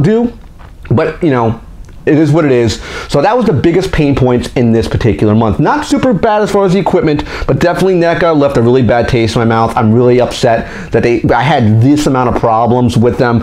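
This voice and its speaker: A man with a mid-range, slightly mellow voice hosts a toy collector channel, chatting candidly into a desk mic for a casual monthly update vlog. He restarts often and vents his frustrations along the way.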